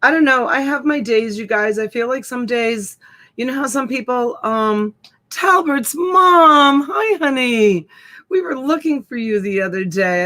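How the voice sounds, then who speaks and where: A woman in her fifties talks in a loose, chatty way, drifting from one thought to the next. Her pitch sits in an ordinary middle range. She sounds close to a desk mic. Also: pushed and bright. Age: 50s. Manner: rambling, chatty, reads chat aloud. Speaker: live-stream reseller host. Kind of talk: casual live chat with viewers. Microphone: USB desk mic.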